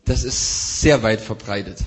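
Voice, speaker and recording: A man's voice: fairly low pitch, a little slow, breathy edge. Man interpreting a sermon, echoey hall. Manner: follows the preacher's energy, hesitant fillers.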